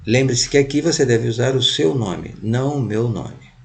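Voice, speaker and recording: A man, teaching in a slow, deliberate way and repeating each phrase. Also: mid-range voice, animated, vocal fry, a little mellow. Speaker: language teacher. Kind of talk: multilingual lesson.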